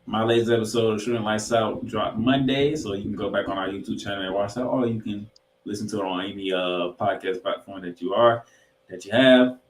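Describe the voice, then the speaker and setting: A man with a fairly low, fairly even voice talks a little fast as a sports podcast co-host, amid slight background noise. His game-preview banter is emphatic, with posed questions and phrases repeated for effect. The recording sounds roomy and echoing.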